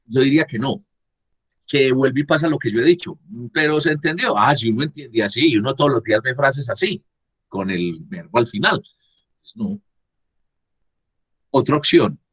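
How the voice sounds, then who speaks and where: Male teacher on a video call, husky and lively in pitch; patient, repetitive explainer. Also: moderate pace, long pauses. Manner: repeats and asks "¿sí?" to check understanding. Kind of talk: online class explanation.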